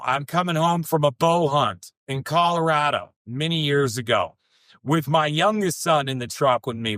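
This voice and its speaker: A middle-aged man telling a personal story on a podcast, earnest and emphatic, repeating phrases with deliberate pauses and some swearing. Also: fairly high pitch, fairly bright tone, dry recording, studio quality. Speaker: podcast speaker.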